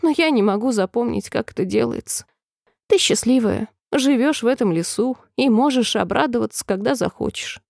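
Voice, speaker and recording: Storybook queen, old and fretful, very high wailing voice, voiced by a woman narrator; dry, mellow read. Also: moderate pace, gravelly, no room sound. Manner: wailing, squealing cries, then oddly calm.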